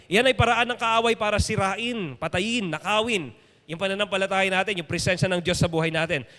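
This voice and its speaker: A man's voice: high voice, sharp tone, in a large hall. A man with a Filipino accent preaching a sermon as pastor, emphatic and repetitive as he leads his listeners along.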